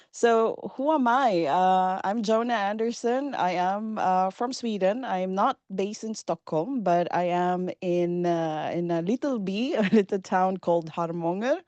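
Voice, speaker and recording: Presenting a relaxed live webinar via video call, this woman from the Philippines chats cheerfully, sprinkling her talk with fillers and small laughs. She speaks in a lowish, slightly mellow voice, recorded without echo.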